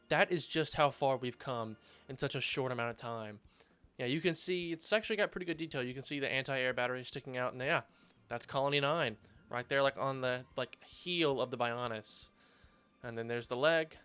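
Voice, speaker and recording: A let's play host stands at his home setup, giving casual gameplay commentary in a medium-pitched, sharp-toned voice that's slightly hoarse after surgery. He rambles in an upbeat way, packing his talk with fillers.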